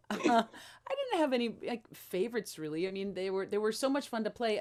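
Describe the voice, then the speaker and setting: A woman voice actor and director chatting on a reunion panel in an easygoing, laughing way. Her voice sits in a middle register. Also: medium pitch. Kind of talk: casual panel chat.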